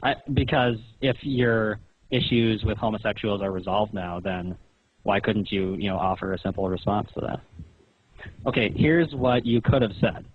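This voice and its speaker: On a recorded phone call, a husky, somewhat low-voiced man speaking at normal speed presses his questions and explanations with an insistent, lecturing tone. He is the caller, and the audio is muffled and roomy.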